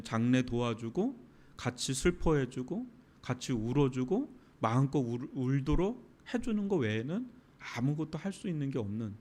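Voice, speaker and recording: Animated Korean pastor preaching. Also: male voice, medium pitch. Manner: animated, dramatic preaching with sudden loud outbursts and soft drops. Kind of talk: sermon.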